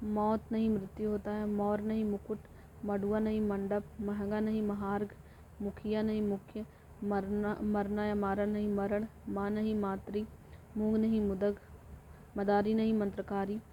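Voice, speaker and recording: Flat-voiced woman drilling word lists. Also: mid-range voice, measured pace. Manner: monotone drilling, repeating each word pair. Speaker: teacher. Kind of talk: exam-prep lesson, reading word lists. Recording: dull lo-fi audio with faint noise.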